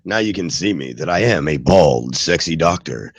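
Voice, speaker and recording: A man's voice: a bass voice, lively intonation, moderate pace, breathy edge, no room sound. A male host of a live web radio show, who grew up in the southwestern US and Germany, talks loosely with lots of fillers and self-mocking jokes.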